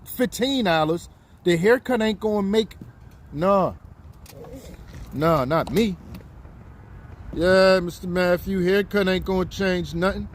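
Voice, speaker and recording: A man of fifty doing a casual live-stream chat outdoors, talking straight to his viewers. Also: high voice. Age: 50s. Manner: chatty, talks straight to viewers. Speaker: livestreamer. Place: outdoors on a city street. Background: faint street and traffic noise.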